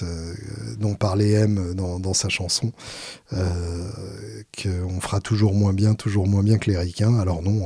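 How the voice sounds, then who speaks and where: A man's voice: fairly low pitch, warm tone, husky, no echo, studio quality. A man who sings in a band, talking casually to his viewers, hesitant with many fillers and restarts, wry and self-mocking. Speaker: singer in a band. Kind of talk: casual talk answering viewer questions.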